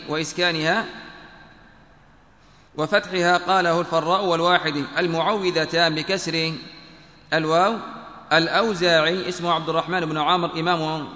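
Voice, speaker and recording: Male teacher, fairly high and bright voice, measured and exacting delivery, reverberant hall. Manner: measured, pedantic spelling out of vowels, repeats phrases when correcting. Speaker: teacher reading a text aloud. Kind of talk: classical text reading with commentary. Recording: echoey room with long reverb.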